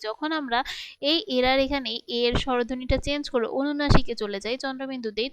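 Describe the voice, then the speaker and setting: High, clear-voiced woman teacher. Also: fairly bright tone, no echo. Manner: patient, explains step by step and speaks straight to students. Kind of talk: recorded grammar lesson.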